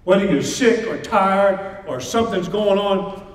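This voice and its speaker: A man's voice: high-pitched, measured pace. A man giving a rousing motivational pep speech to fighters, emphatic and built on repeated short phrases. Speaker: motivational speaker addressing fighters. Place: large indoor hall before an audience. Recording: echoey hall, distant mic, crowd present.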